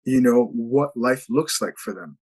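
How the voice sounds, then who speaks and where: A man's voice: medium pitch, steady tone, unhurried, darkish tone, breathy edge, rough recording. A man being interviewed as an actor over a video call, talking in an earnest, reflective way with many "you know" fillers. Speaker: actor guest.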